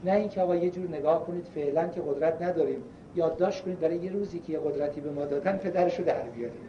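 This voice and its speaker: A man preaching a sermon and telling stories, swinging between loud emphasis and hushed quotes. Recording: echoey, distant, dull lo-fi with faint rumble.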